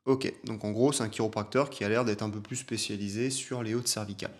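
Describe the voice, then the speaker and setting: A man's voice: on the low side, steady tone, a little fast. A young adult man, a chiropractor, giving casual reaction commentary on a video, chatty and hesitant with fillers.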